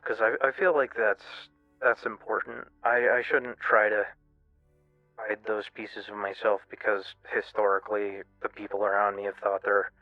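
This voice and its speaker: A man giving a candid, casual personal monologue as a streamer, in a halting, self-reflective way. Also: lowish voice. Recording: muffled, roomy lo-fi radio-like sound, music behind. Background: music.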